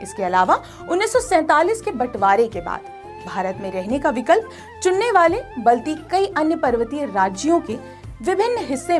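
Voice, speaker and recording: A woman narrating a news feature in a formal, scripted reading voice. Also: high-pitched. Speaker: news presenter.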